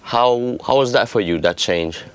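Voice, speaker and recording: A man interviewing a guest, asking measured, probing questions. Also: medium pitch, clean tone, no echo.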